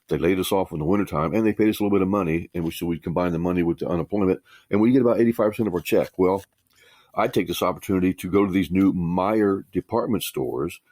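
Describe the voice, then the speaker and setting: A man's voice: low-pitched, a little mellow, no room sound. A man in his sixties from Ohio, leaving a voicemail message as a caller and telling his own story in a rambling, casual way, often restarting mid-sentence. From Ohio, USA. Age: 60s. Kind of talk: casual first-person storytelling.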